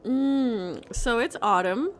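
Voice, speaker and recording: A woman playing a tabletop role-playing game, speaking slowly and thoughtfully. Her voice sits fairly high, with an unhurried delivery. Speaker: player.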